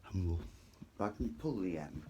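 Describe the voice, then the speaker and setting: A man's voice: low voice, animated, moderate pace, highs cut off, background noise. A British man rambling casually to viewers from his bedroom, meandering between asides, with some trouble pronouncing his R sounds. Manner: meandering, digressive, talks to viewers. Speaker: vlogger. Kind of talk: casual, rambling vlog chat. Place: bedroom at home.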